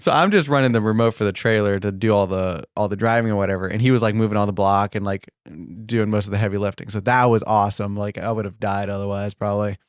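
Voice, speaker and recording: A man's voice: lowish voice, steady tone, fast, hardly any pauses, clear, resonant tone, dry recording, clean studio sound. A young man co-hosting a podcast, telling a long story in a rambling, casual way, laughing often and saying "like" a lot. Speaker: podcast co-host.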